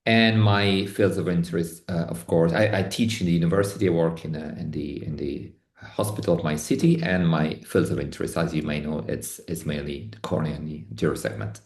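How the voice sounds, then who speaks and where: A middle-aged Italian man with an Italian accent, speaking as an interview guest in careful English with many pauses and restarts. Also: low-pitched, fairly even intonation, roomy sound. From Italy. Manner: thoughtful, many restarts and hesitations. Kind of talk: online interview.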